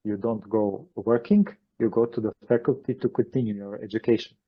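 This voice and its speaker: A Croatian man with a fairly low voice tells his story in a halting way, full of "uh" and restarts. The sound is dull and lo-fi, as over a video call. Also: fairly even intonation, husky. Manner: hesitant, many fillers and restarts. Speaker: guest channeler. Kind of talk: interview answers.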